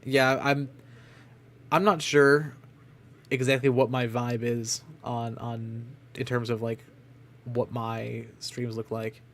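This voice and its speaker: Guy streaming a game, just chatting, normal pitched voice, some noise in the background. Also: level tone, slow. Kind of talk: casual chat while playing a game.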